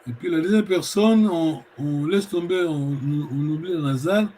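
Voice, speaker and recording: A man teaching a language lesson, explaining rules slowly with many hesitations and drawn-out words. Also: on the high side, dark tone.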